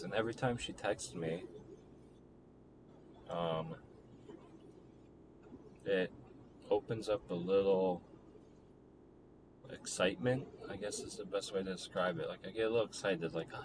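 Low-voiced young man, rambling reflective talk. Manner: rambling, halting, reflective, with many fillers. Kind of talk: personal monologue about a relationship. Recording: noticeable background noise.

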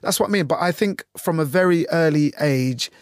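Being interviewed, this Jamaican-born radio journalist, later based in the UK, tells personal stories in a candid, chatty way, frequently voicing remarks he imagines others making. He speaks a little high at a normal speed, with no echo.

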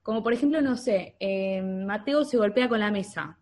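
A woman's voice: medium pitch, moderate pace. A woman with a Rioplatense accent chatting casually, telling anecdotes and acting out quotes. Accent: Rioplatense Spanish. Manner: animated storyteller, acts out quotes. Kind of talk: casual chat.

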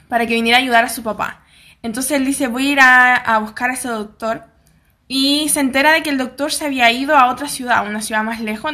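There's a bright, forceful quality to this young Chilean woman's rather high voice as she casually walks through a drama's plot. Her Chilean accent comes through in her chatty delivery, full of acted-out character lines and slangy side comments.

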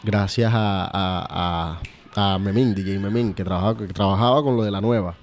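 A man's voice: low voice, moderate pace, slight background noise. Laid-back man, slangy. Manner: relaxed, laughs often, slangy barrio talk. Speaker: champeta singer guest. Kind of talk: casual podcast interview.

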